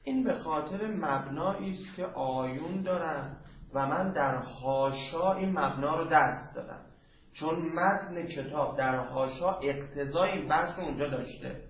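A man teaching a seminary class on Arabic grammar. He draws quoted Arabic phrases out slowly and chants them, then talks quickly and casually to his students. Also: a little high. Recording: dull lo-fi classroom recording with faint noise.

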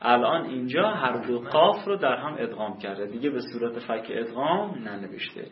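A man's voice: medium pitch, lively intonation, a crowd in the background. Guy teaching a grammar class, draws out words to stress them, echoey lo-fi room. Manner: drawn-out emphatic explanations, repeating terms. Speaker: teacher of Quranic Arabic grammar. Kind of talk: classroom lesson explaining rules. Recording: echoey room, dull lo-fi sound.

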